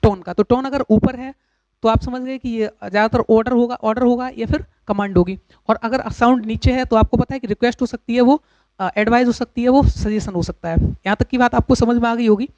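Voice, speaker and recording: A man teaching English grammar in a lecture, explaining patiently with pauses and repeated examples. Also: very high voice, fairly even intonation, darkish tone, dry recording. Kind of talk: classroom lecture. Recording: dull, dry lo-fi recording.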